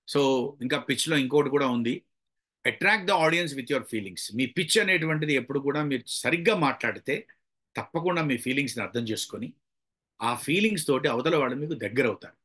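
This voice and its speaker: A man with a Telugu Indian accent gives a motivational public speaking lesson, demonstrating with varied emphasis. His voice is medium-pitched and a bit bright, and he mixes English phrases into his explanations.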